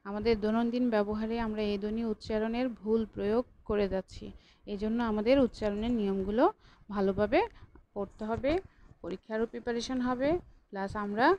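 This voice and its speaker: A woman's voice: mid-range voice, steady tone, a little fast, warm tone, dull audio, a little hiss or hum. A female college lecturer giving an online class, patient and repetitive, stopping to correct her own slips.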